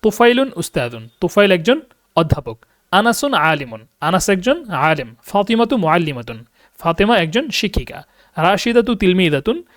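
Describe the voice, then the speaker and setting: Man, online language teacher, high voice, patient explaining, slow example reading, dry close sound. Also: no echo. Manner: explains patiently, checks understanding with questions; reads example sentences slowly and translates each one. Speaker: Arabic teacher.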